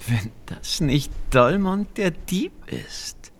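A man voicing a sly, amused, menacing witch in a storybook, with a breathy half-whisper and slow, taunting delivery. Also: on the high side, very animated, voice pushed up, heavily acted. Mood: mocking amusement. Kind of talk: storybook character voice.

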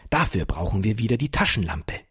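A man voicing a kindly, enthusiastic old professor who patiently explains things to a child, in a husky voice. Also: lowish voice, fairly quick, no echo, studio quality, heavily acted. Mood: explaining. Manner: patient explaining, lively delight.

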